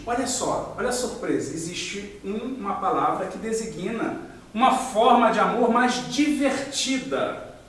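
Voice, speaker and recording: A man's voice: sits high, fairly bright tone. A Brazilian man leading a spiritist study group, explaining ideas with frequent rhetorical questions and a habitual "né?". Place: meeting room of a study group. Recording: echoey room, distant mic.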